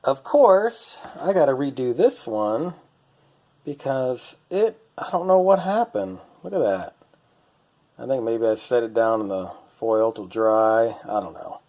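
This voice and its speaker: A middle-aged man talks in a relaxed, conversational way with an ordinary mid-range voice. He pokes fun at his own mistakes with dry, wry humor as he shows his projects in a home workshop. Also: medium pitch, unhurried. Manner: chatty, self-deprecating, wry. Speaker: hobbyist channel host. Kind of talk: casual workshop vlog.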